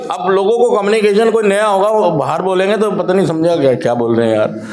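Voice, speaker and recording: Animated man lecturing in an echoey hall. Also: high-pitched, fast, crowd noise. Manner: animated, rhetorical questions to the audience. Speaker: addiction counselor and recovering addict. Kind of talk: motivational talk to rehab residents. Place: drug rehab center.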